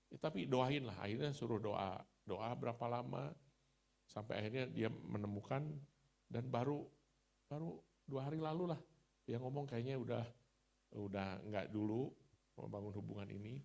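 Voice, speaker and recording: Middle-aged Indonesian man, chatty preacher, gravelly tone. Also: mid-range voice, moderate pace, pauses often, darkish tone. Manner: storytelling, chatty, laughs at himself. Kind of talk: conversational sermon.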